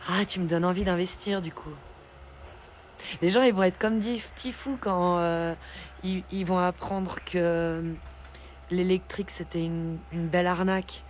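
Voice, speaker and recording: A woman's voice: lowish voice, fairly even intonation, measured pace, slight background noise. A woman hosting a casual live stream, chatting and laughing with her viewers as she reads the chat. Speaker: livestream host.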